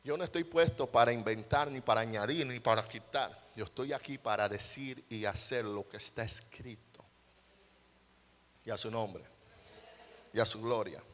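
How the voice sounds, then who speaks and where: A young adult male pastor preaching a sermon, dropping to quiet asides and rising to loud, high, mocking outbursts. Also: normal speed. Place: church hall. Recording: long church hall reverb.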